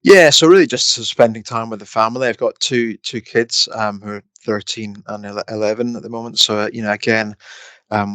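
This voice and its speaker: A man's voice: fairly low pitch, pushed and bright, dry recording. A middle-aged man from Scotland, answering interview questions with many restarts and fillers. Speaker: guest, respiratory consultant.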